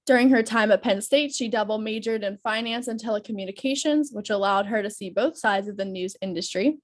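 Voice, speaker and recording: A young woman with a congested, nasal voice from a cold, moderating a video-call roundtable and reading guest bios with friendly fillers. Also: a little high. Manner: friendly, reads at a steady pace with fillers.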